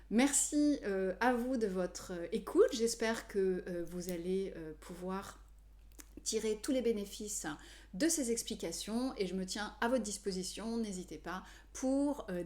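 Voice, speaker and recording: Hesitant French woman, mellow voice. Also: mid-range voice. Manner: measured, frequent hesitations with "euh". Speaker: numerology coach. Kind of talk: explanatory video talk to viewers.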